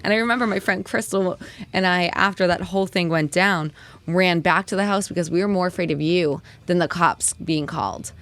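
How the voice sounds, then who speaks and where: A young woman co-hosting a podcast, telling stories in casual chat, animated and swearing freely. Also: fairly low pitch, a little fast. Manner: animated storytelling, heavy swearing, frequent laughter. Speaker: podcast co-host.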